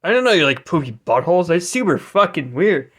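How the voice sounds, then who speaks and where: A man's voice: on the high side, big pitch swings, brisk, background noise. A young man running a tabletop game, rambling with crude jokes and lots of fillers. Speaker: game master. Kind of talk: casual tabletop game narration.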